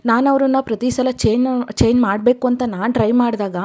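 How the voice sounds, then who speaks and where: A woman voicing a kind middle-aged mother-in-law who speaks softly and coaxingly. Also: on the high side, steady tone, fairly quick, lightly acted. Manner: soft, coaxing.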